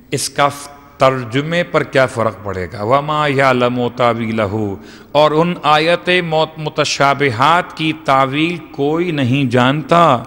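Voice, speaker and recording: Bright-voiced cleric in an echoing hall. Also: male voice, mid-range voice. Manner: explanatory, rhetorical questions, Arabic recitation. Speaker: Shia cleric giving a majlis lecture. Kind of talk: religious lecture to a congregation. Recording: long hall reverb.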